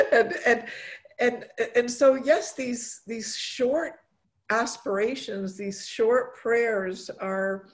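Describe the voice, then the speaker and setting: Slow-talking middle-aged woman hosting. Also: on the high side. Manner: halting, repeats words and phrases for emphasis. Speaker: host of a mothers' prayer group talk. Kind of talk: warm conversational talk with closing reflections.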